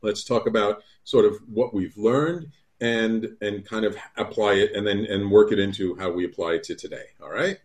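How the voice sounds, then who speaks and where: A man hosting a live talk radio show, speaking in a relaxed way with plenty of ums and restarts. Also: lowish voice, normal speed, hardly any pauses. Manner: relaxed, hesitant fillers.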